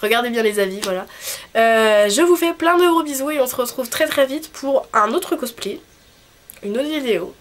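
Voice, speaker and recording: Young female vlogger, fairly high honking voice, nasally congested from a cold, informal and rambling, audible background noise. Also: expressive, moderate pace. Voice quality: nasal, honking voice from a blocked nose. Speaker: cosplay vlogger. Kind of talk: casual video chat. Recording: clearly noisy background.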